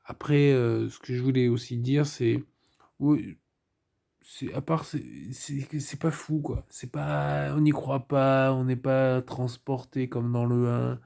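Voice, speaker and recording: A man's voice: mid-range voice, little pitch movement, slow pace, creaky, dark tone. A man giving a casual spoken film review, rambling and full of ironic joking asides.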